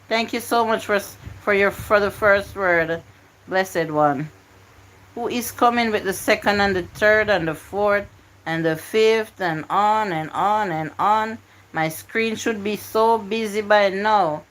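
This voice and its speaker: This is a woman running a word game on her live stream. She talks slowly, with a mid-range voice, and coaxes and pleads with her viewers to type in their answers. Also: medium pitch, a bit bright, poor audio.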